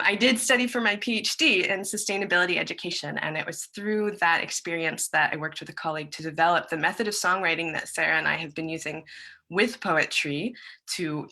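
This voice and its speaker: A woman's voice: deep voice, gravelly, sharp tone. An American woman giving a friendly, chatty conference presentation over a video call, with plenty of loose fillers. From United States. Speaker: presenter, musician and songwriter.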